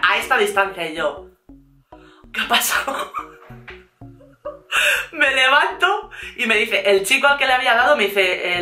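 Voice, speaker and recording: A woman with a Spain Spanish accent telling a storytime vlog in a lively way, laughing and acting out what others said. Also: on the high side, reverberant. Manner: lively, laughing, acts out quotes. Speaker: vlogger. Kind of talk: storytime monologue.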